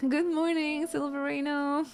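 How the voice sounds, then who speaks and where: A woman's voice: sits high, flat delivery, measured pace, soft background music. Joking streamer woman. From Poland. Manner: joking, self-mocking, laughs often. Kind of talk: casual chat with chat readers.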